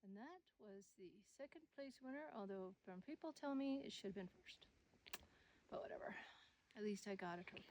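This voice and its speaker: A woman's voice: medium pitch, expressive, fairly quick, a little mellow, a little hiss or hum. A woman hosting a hike outdoors in the mountains, chatting and musing aloud as she walks, tired and hot. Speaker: host of a Bigfoot investigation channel. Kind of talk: casual chat while hiking.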